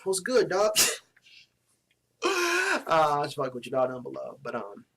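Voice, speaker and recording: A sports vlogger casually reviews new basketball jerseys, giving blunt, joking opinions full of swearing and loose slang. He talks fast in a mid-range voice with vocal fry and a breathy edge.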